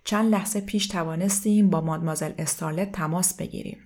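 Woman doing a calm, patient male doctor. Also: lowish voice, natural voice. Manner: calm, measured, gently insistent.

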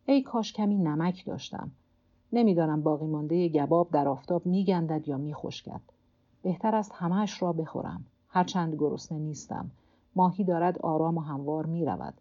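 Low-voiced, a woman reads an audiobook as an exhausted old fisherman adrift alone, muttering obstinately to himself and to his cramping hand. The recording's high frequencies are cut off.

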